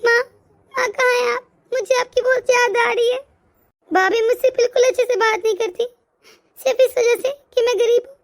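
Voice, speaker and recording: A woman voicing a humble, poor woman from a village, meek and soft-spoken. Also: extremely high pitch, steady tone, normal speed. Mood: sad. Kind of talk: cartoon voice acting.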